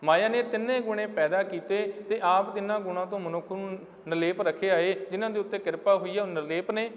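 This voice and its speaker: A man giving a Sikh sermon who explains scripture and sings the quoted lines slowly. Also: sits high, steady tone, long reverb tail. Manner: addresses listeners as dear ones of the Guru. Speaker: Sikh preacher giving katha.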